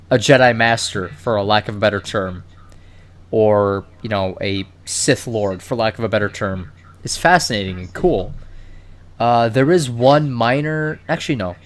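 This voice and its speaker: A man hosting a casual podcast, rambling enthusiastically and swearing casually, recorded over a voice call. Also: medium pitch. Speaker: podcast host. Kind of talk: casual chat. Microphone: computer mic on a voice call.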